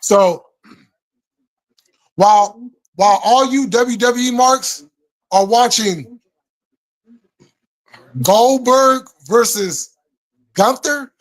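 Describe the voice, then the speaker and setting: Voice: medium pitch, extremely slow, pauses often, low-quality recording. A live stream host chatting casually with viewers in informal, slangy speech peppered with swearing.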